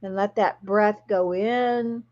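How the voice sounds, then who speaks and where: A woman spiritual guide leading a guided relaxation meditation in a soft, soothing, spa-like manner. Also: medium pitch, fairly even intonation, muffled recording. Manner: soft, soothing, slow-paced spa-like delivery.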